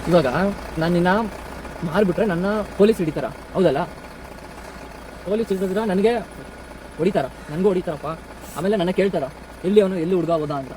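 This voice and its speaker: A man acting a bumbling, greedy yet soft-hearted kidnapper in a comic skit, talking in a rambling, rustic way outdoors. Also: high-pitched, moderate pace, pauses often, natural voice. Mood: coaxing. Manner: rambling, chatty, rustic talk. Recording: street noise with idling engine.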